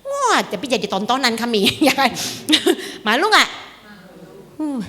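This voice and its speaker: Animated woman speaker in a reverberant hall. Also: fairly high pitch, a little slow. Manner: animated, laughing often, acting out quoted voices. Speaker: dharma talk speaker. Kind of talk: lively storytelling talk to an audience. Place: temple hall.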